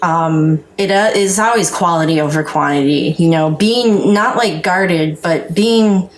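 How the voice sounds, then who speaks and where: Low-voiced North Dakota woman, candid. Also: measured pace. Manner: frank, earnest, with salty language. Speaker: podcast guest sharing recovery story. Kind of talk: candid personal testimony in casual chat.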